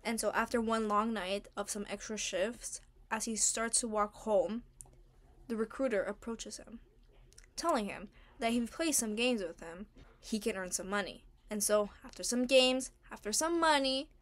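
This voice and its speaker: A woman's voice: medium pitch, normal speed. A young adult woman giving a casual, chatty voice-over about her drawings and characters, in informal, slangy wording. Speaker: artist narrating own original characters.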